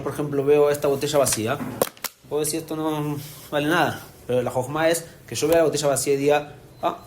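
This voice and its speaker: Un hombre con acento que da una clase en vivo a padres como rabino, explicando con ánimo y preguntando a menudo si se entiende. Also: male voice, medium pitch, a little hiss or hum. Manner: animated, explanatory, asks "¿se entiende?" often. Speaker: rabbi teaching parents. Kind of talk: live lecture to an audience. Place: community hall with an audience.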